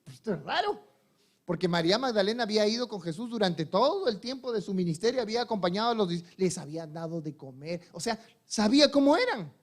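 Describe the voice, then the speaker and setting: With an animated delivery and a voice that sits high, a male pastor preaches, questioning the congregation and answering on their behalf. His sermon moves back and forth between gentle, slow moments and loud bursts of emphasis.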